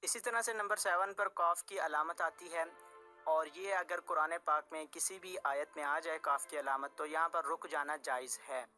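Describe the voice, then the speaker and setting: A teacher gives a tajweed lesson in a clear, bright voice. The delivery is patient and repetitive, and each rule is restated several ways. Faint music sits quietly under the talk. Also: medium pitch, steady tone, moderate pace. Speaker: Quran recitation teacher.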